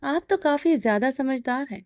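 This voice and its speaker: A woman's voice: sits high, animated, a little mellow, dry recording, clean studio sound. Woman voicing Haya, defiant young wife. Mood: coaxing. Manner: indignant, quick retorts.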